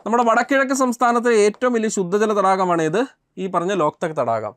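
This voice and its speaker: A man's voice: sits high, fairly quick, a bit bright, clear, resonant tone. A young man teaching an exam prep lesson. He repeats each question and answer and checks in with his students.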